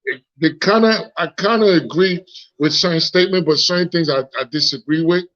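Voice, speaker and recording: A bright, slightly high voice moving a little fast belongs to a Haitian man in his forties, a founder appearing as a guest. He speaks candidly in a live interview with a Haitian accent, frequently repeating words as he gropes for them, all captured on a lo-fi phone.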